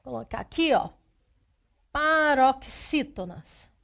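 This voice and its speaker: A woman with a high, bright voice teaches a grammar lesson for exam prep. She talks straight to the student, lists the rules in a steady, methodical way and often stops to make sure they follow. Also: takes it slowly, creaky. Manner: methodical, repeats rules, checks in with "tá?".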